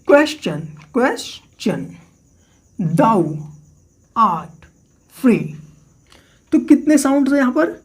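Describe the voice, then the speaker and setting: A man's voice: extremely high pitch, a little mellow. Man teaching, quizzing and repeating terms. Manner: asks the class questions, then answers them himself; repeats key terms slowly for dictation. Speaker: literature teacher. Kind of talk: classroom-style lecture.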